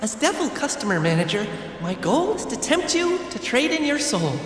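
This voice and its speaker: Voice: medium pitch, big pitch swings, moderate pace, a bit bright, far from the mic. An actor playing a playful boyish devil who talks like a mock-polite call-center customer service manager in a video game. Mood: teasing. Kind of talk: game voice acting. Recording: very echoey hall reverb. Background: music.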